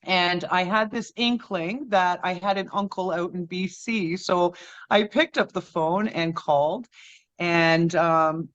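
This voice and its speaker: A woman's voice: on the low side, slow pace, fairly bright tone. A woman who works as a medium, telling stories in a podcast interview in a rambling way with many filler sounds. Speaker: guest, medium and energy healer. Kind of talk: storytelling in an interview. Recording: dull lo-fi audio.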